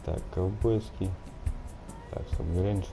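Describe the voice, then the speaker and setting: A man's voice: low voice, steady tone, slow pace, over music, rough recording. A man making dry, sarcastic asides as he plays a game. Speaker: gameplay streamer. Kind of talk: casual game commentary.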